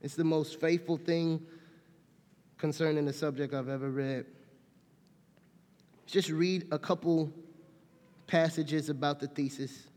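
A middle-aged man preaching a conversational sermon, dropping quiet and then rising loud and animated. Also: fairly high pitch, a little slow, long pauses. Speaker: pastor. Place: church sanctuary. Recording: long hall reverb in a church.

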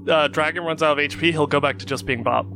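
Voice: medium pitch, quick pace, background noise. A player chatting casually during a tabletop role-playing game. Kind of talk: casual gaming chat.

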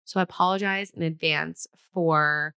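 A woman hosting her own podcast, speaking in a tired, slightly winded, raspy voice and chatting in a rambling way that often restarts sentences. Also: lowish voice, normal speed. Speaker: podcast host. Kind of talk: solo podcast intro then casual chat.

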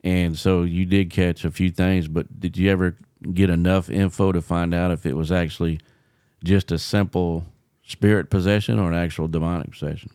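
A man's voice: sits low, level tone, normal speed, a little mellow, smooth, no echo, studio quality. A man co-hosting a paranormal podcast, chatting in a folksy, conversational way and often repeating words. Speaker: podcast co-host, paranormal investigator. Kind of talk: casual chat.

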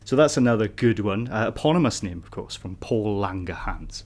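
Chatty low-voiced man. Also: lively intonation, normal speed, a little mellow. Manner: chatty, asks rhetorical tag questions. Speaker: podcast co-host. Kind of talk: casual educational chat.

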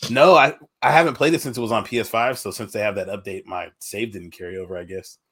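Low-voiced man chatting casually. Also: fast talker, fairly bright tone, slightly rough. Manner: laid-back, profane, laughs often. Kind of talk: casual chat.

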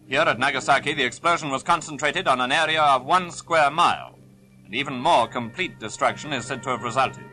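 A man's voice: medium pitch, brisk, pushed and bright, soft background music, low-quality recording. A man narrating an old 1940s newsreel in a formal, stern, declaiming manner, played back from an archive soundtrack. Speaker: newsreel announcer.

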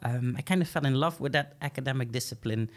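A man's voice: mid-range voice, fast. Reflective Dutch-raised man. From Netherlands. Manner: reflective, many fillers and restarts. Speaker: guest. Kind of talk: podcast interview.

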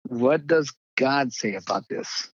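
An older man, a pastor, telling a personal testimony in halting conversational speech, acting out the voices he quotes. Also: medium pitch, lively intonation, slightly rough, no echo, highs cut off. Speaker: pastor, guest.

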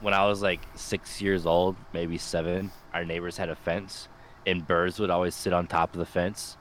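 A young man co-hosting a podcast, talking in an excitable, swearing casual chat. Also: deep voice, moderate pace, slight background noise. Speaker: podcast co-host.

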